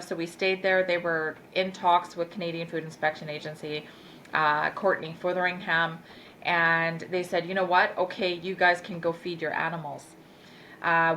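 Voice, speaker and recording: A woman's voice: lowish voice, fairly bright tone, a little hiss or hum. A woman farmer, a guest in an interview, telling a long story in an earnest, emphatic way.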